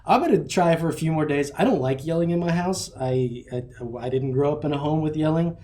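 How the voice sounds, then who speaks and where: A man's voice: on the high side, fairly quick. Rambling storytelling dad in his thirties. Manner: rambling, animated storyteller who laughs at his own stories. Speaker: podcast host. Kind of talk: casual chat.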